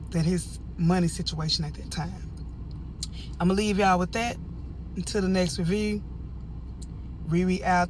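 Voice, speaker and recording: An American woman giving casual, opinionated video commentary in an animated, emphatic way, drifting into rambling asides. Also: fairly low pitch, slight background noise, rough recording. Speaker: online reviewer and host.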